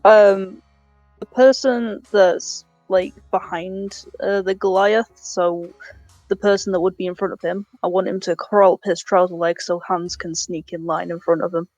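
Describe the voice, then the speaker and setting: A player in a tabletop game, with a gravelly, fry-heavy voice recorded close and dry. They declare their character's moves casually, plotting mischief. Faint music sits underneath. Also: mid-range voice, flat delivery, a little slow, a little mellow, dry recording, muffled recording. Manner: joking, plotting. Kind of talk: tabletop role-play chat.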